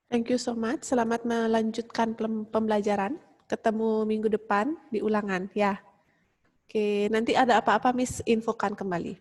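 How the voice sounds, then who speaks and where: A woman's voice: on the high side, flat delivery, normal speed, a little mellow. A woman teacher wrapping up an online class over a video call in a friendly way, mixing in English phrases.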